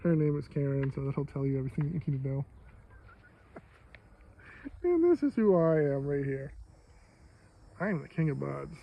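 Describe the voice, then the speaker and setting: An American man with a fairly high, creaky voice rambles casually to viewers, swearing and drifting between thoughts. He speaks haltingly, and the audio is dull and lo-fi with faint background noise. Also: very animated. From Maine, United States. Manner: profane, digressive, halting. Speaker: livestreamer.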